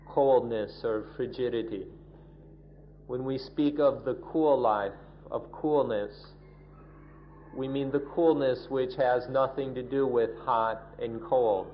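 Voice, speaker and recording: A man renders a sermon in English with calm, even phrasing, moving through lists one item at a time. He speaks very slowly, and the old recording is dull with a light hiss. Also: medium pitch. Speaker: interpreter of the sermon.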